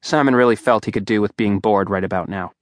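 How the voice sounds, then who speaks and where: At a studio microphone, a man reads an audiobook aloud as a narrator, delivering scripted narration in a dry, wry storytelling style. His voice is on the low side, his pace is quick, and there's no echo.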